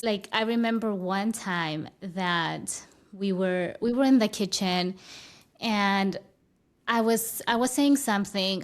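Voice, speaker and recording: In a conversational interview, a guest who is a spiritual teacher speaks English, her first language being Spanish. She sounds thoughtful, restarts her phrases often, and has a mid-range voice.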